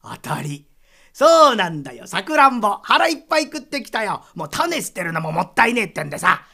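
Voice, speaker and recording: A woman voicing a stingy middle-aged Edo townsman who grumbles in rough street speech. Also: medium pitch, sing-song, brisk, sharp tone, heavily acted. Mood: chuffed.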